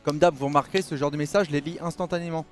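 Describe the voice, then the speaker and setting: A talkative man with a slightly raised voice chats through a live racing-game stream, excitable and slangy as he reads viewer messages out loud. Faint music runs softly behind him. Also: on the high side, racing. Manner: chatty, reading chat aloud. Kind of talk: casual live-stream chat while gaming.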